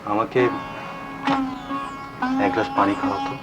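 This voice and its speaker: A man's voice: normal speed, dull audio, loud music behind the voice, close to an everyday voice. A man playing a listless, weary man. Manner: listless, low-key. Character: weary, restless married man. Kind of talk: 1980s TV drama acting.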